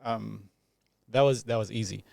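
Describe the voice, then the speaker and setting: A man in his thirties from Iraq, talking as a podcast guest in a thoughtful, reflective way, pausing often and laughing easily. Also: fairly low pitch, steady tone, creaky, a little mellow, no room sound, clean studio sound. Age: 30s. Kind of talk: casual reflective interview talk.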